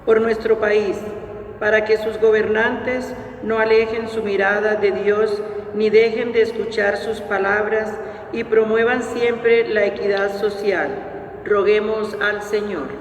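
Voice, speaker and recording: A man with a high voice leads the prayers of the faithful in a slow, even recitation that hardly rises or falls. He sounds far from the mic, wrapped in a long cathedral echo, with faint noise underneath. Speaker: lector reading the prayers of the faithful. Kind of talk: liturgical reading at Mass. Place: large church during Mass. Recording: echoey church hall from far off, faint noise.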